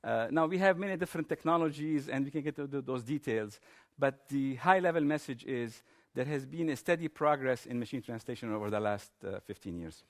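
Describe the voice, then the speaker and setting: A man's voice: mid-range voice, brisk, few pauses. A man giving a technical conference presentation in an informal, explanatory manner.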